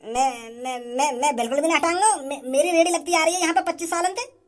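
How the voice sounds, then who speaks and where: A woman's voice: extremely high pitch, quick pace, very noisy. A woman voicing a stubborn old chaat seller. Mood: shaken. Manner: folksy, stammers when cornered. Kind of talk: cartoon voice acting. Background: background music.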